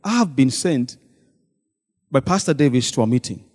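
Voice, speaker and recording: The long reverb of a hall colors this church testimony, in which a man who is a deacon retells a meeting and acts out those he quotes. He speaks at a moderate pace in an expressive, mid-range voice with a darkish tone.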